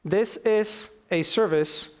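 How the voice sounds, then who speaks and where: A man giving an explanatory expert talk, with halting phrasing and emphatic bursts. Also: sits high. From Slovakia. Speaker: expert speaker.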